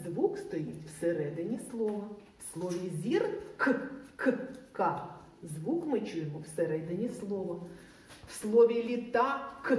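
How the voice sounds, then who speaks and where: A woman teaching a lesson to preschool children in a sing-song way, slowly drawing out sounds. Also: mid-range voice, darkish tone. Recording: roomy, from a distance.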